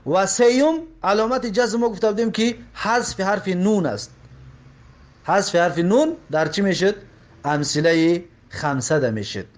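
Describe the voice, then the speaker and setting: A man gives a grammar lesson in a high-pitched voice. He drills the same examples over and over, posing questions and answering them himself in a steady teaching manner. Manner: repeats examples, asks and answers own questions.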